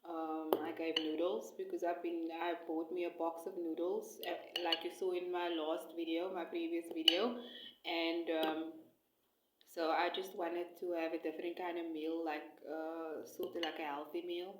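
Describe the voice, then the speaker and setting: A woman from South Africa chatting casually as a food vlogger, hesitant and rambling with pauses between short phrases, recorded on a nearby phone. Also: on the low side, little pitch movement, background noise. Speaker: food vlogger and cookbook author. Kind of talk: casual eat-along chat to camera. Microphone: phone close by, no attached mic. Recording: echoey room, phone microphone.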